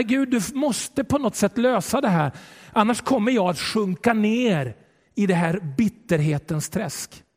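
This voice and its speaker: Male preacher with a high voice, delivering a dramatic sermon in a reverberant church hall. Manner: dramatic, swings between loud and hushed. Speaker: pastor. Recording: long reverb of a large hall.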